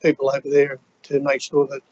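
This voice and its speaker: Council official, formal, flat monotone, dull lo-fi chamber audio. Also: male voice, mid-range voice, fairly quick, slight background noise. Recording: dull lo-fi meeting recording.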